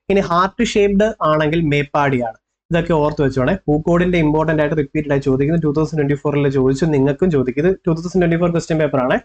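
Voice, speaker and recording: A man's voice: on the high side, darkish tone, lo-fi sound. A man teaching an exam-prep lesson in a Kerala Malayalam accent. He repeats key facts and keeps checking that his students are following.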